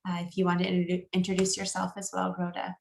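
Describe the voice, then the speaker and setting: A woman's voice: fairly low pitch, monotone, quick pace, vocal fry, a little mellow, echoey room. Upbeat American woman hosting a workshop. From United States. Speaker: program director, workshop host. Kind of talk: online workshop introduction.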